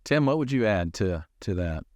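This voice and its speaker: A man's voice: lowish voice, very animated, moderate pace, darkish tone, dry recording. A man hosting a business podcast, asking friendly, playful questions with some fillers. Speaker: podcast host. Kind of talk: interview hosting.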